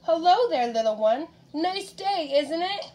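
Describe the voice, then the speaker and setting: A woman voicing a sly, smooth-talking male wolf in a children's storybook. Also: extremely high pitch, lively intonation, a little slow, darkish tone, pitched above the performer's own voice. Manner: sweet-talking.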